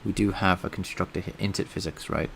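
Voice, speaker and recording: A native English speaker streams himself coding, thinking aloud and answering his chat in a casual way. His voice is low, steady, fairly bright, with vocal fry and a quick pace, and a little hiss or hum can be heard.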